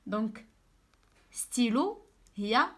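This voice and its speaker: Brief: young Moroccan-accented female tutor, slightly high voice, slow careful dictation. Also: sing-song. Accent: Moroccan Arabic. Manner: slow, drawn-out dictation of French words. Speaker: online tutor. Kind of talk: French lesson explained in Moroccan Arabic.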